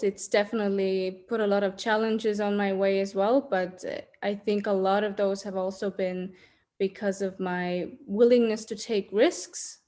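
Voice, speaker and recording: A woman's voice: mid-range voice, a little mellow. Candid Estonian woman in her thirties. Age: 30s. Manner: candid, reflective, many ums and uhs. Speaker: podcast guest. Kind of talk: podcast interview.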